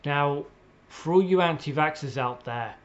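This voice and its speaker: On slightly muffled audio, a man who comments on politics launches into an exasperated, foul-mouthed rant, a little high in pitch. He's blunt and opinionated, repeating himself and pausing for emphasis.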